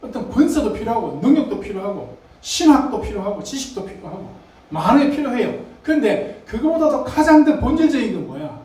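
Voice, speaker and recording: A man's voice: extremely high pitch, big pitch swings, brisk, darkish tone. A male pastor preaching a sermon in a conversational way, putting questions to the congregation. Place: church sanctuary. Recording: echoey church hall, mic at a distance.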